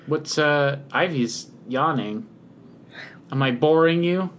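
Easygoing man with a halting delivery. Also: on the high side, slight background noise. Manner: relaxed, hesitant with many ums and uhs. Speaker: podcast co-host and local musician. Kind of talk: casual podcast chat.

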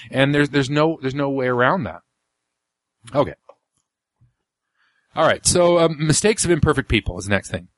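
A man's voice: mid-range voice, no echo. A man hosting a podcast, reading out passages of a talk and commenting on them bluntly and sardonically, with frequent ums and restarts. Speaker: podcast host.

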